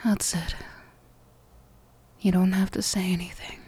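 A woman whispering in a soft, affectionate, soothing manner in a comfort roleplay. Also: fairly low pitch, flat delivery, unhurried, breathy edge. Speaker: ASMR roleplay performer.

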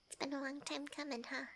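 In a romance roleplay, a woman with a high voice speaks softly, shyly and affectionately, often sinking into a whisper.

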